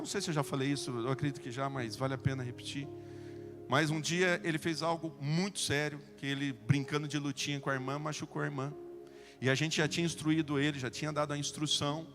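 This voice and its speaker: A Brazilian pastor preaching a sermon, telling stories and acting out dialogue, swinging between soft and loud. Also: male voice, a little high, steady tone, fast talker, long reverb tail, over music. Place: church sanctuary.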